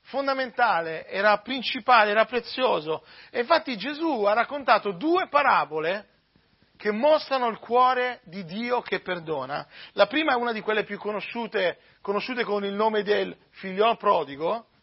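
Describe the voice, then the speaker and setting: A man preaching a sermon and reading scripture aloud, speaking emphatically with swells and drops in loudness. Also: sits high, lively intonation, moderate pace, slightly rough. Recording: dull lo-fi recording.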